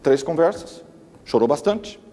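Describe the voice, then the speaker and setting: A man's voice: on the high side, animated, a little slow, mellow. Emphatic man lecturing in hall. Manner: emphatic, repeats words for stress. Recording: long reverb of a hall.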